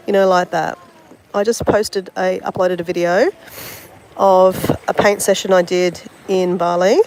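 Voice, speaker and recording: An Australian travel vlogger with a bit of a cold paints outdoors by the sea, chatting casually on a livestream and poking fun at herself as she talks straight to viewers. Her mid-range voice has a darkish tone and sounds sniffly, and the audio quality is poor.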